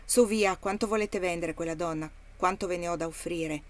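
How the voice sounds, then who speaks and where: A woman's voice: fairly low pitch, normal speed, lightly acted. A woman voicing a blunt, greedy male slave trader in an audiobook reading, coaxing and haggling.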